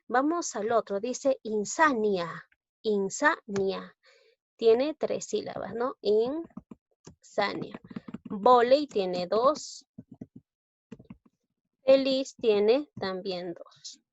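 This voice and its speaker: A woman's voice: fairly high pitch, takes it slowly, pauses often, darkish tone, no echo. A woman teacher with a Peruvian Spanish accent, patiently explaining a grammar lesson step by step and often checking in with short tag questions. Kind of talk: recorded online grammar lesson. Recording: dull lo-fi recording.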